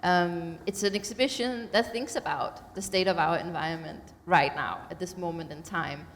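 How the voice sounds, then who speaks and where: A woman curator introduces an art exhibition at a panel in a museum auditorium, where a long hall reverb trails her words. Her pitch is fairly low and her speed normal, and she speaks thoughtfully with many ums and uhs.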